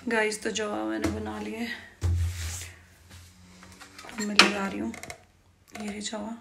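A young woman vlogging casually at home at night, speaking softly and often near a whisper. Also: medium pitch, level tone, slow, creaky, over loud music. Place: home kitchen and bedroom at night. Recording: noisy home phone recording.

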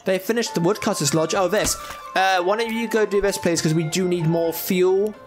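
A young man with a high, bright-sounding pitch chats through a game as he plays it, thinking aloud and tossing out jokey asides. Faint game music sits quietly behind his voice. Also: moderate pace. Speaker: gaming YouTuber. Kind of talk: casual let's-play commentary.

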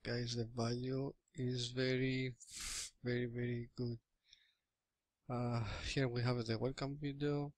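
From Greece, this man in his thirties gives a casual, screen-recorded product review as an affiliate marketer, speaking from a small room into a webcam or laptop mic. His voice is medium in pitch, flat and darkish. He speaks English as a second language with a Greek accent, haltingly, with many fillers and false starts.

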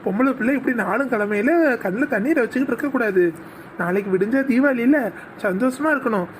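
A gentle, worried young father, voiced by a woman, coaxes and reassures in a cartoon. The voice sits fairly high and moves quickly. A faint hiss runs underneath. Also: close to an everyday voice. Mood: coaxing. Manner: coaxing, reassuring, pleading.

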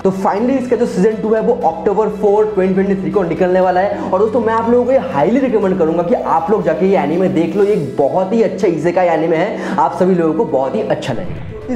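This anime reviewer on YouTube, a young Indian man, has a high-pitched, mellow voice. His relaxed, enthusiastic video commentary is aimed at online viewers like friends, with phrases frequently repeated for emphasis. Light music sits in the background of an echoey, roomy recording.

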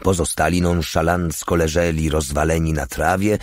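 A man reading an audiobook in a measured, unhurried narrating style. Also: extremely low pitch, fairly even intonation, no room sound, studio quality. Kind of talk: scripted narration.

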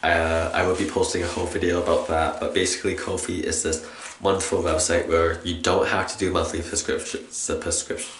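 A man's voice: low-pitched, flat delivery, fairly quick, a little hiss or hum. A young adult man vlogging in a casual, rambling, self-deprecating chat, saying w for r. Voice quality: trouble pronouncing R sounds, says w for r. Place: small bathroom, indoors. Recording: echoey small-room camera recording.

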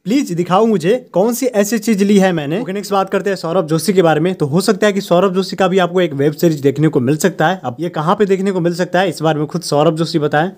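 A man's voice: sits high, steady tone, a little mellow. A young man narrating a news roundup, reading out posts as host. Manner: quick, reads out posts.

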